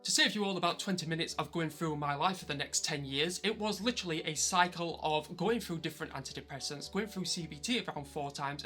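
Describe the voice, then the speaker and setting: A man's voice: fairly high pitch, pushed and bright. A man in his thirties with a broad Yorkshire accent narrates a personal vlog to viewers, with wry, self-deprecating asides. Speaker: YouTube vlogger.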